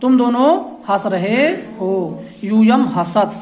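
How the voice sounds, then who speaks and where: A woman teacher giving a classroom grammar lesson, repeating phrases slowly and quizzing the class. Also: medium pitch, darkish tone. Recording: echoey classroom.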